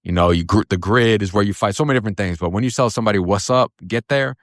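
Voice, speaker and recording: Deep-voiced man telling a blunt street story. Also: rapid-fire, no echo, clean studio sound. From Florida. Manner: blunt, profane street slang, frequent "bro" and "man". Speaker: storyteller recounting his past. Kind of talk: casual first-person storytelling.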